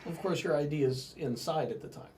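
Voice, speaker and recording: A man's voice: fairly high pitch, fairly quick, mellow. A male podcast host interviewing a guest, prompting him and summing up what he has said. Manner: prompting, summarizing questions. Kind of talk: casual interview.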